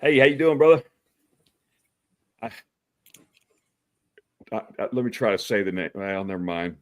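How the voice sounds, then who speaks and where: A man's voice: lowish voice, animated, normal speed. A man from Texas hosting a casual livestream talk show, greeting viewers by name, often calling them brother and chuckling. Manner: friendly, calls people brother, chuckles often.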